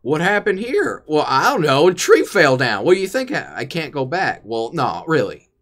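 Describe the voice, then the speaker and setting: A man's voice: a little high, sing-song, normal speed, fairly bright tone. A young man giving casual, jokey commentary as he plays a horror game, often repeating himself in a mock-dramatic way. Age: young adult. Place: indoor room.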